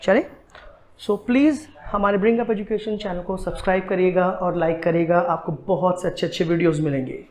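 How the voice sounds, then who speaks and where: A man with an Indian accent teaching English pronunciation, mixing Hindi and English and slowing down to spell out the English words. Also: high voice, steady tone. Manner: switches between Hindi and English, slow and deliberate on English words. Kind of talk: online pronunciation lesson. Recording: roomy echo.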